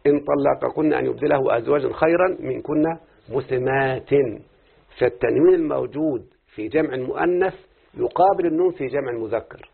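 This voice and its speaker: A male teacher gives a grammar lesson, checking in with his students through frequent questions. His voice is raspy with a gravelly edge. The recording is thin and tinny, like a phone line. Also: mid-range voice. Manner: quizzing students with rhetorical questions.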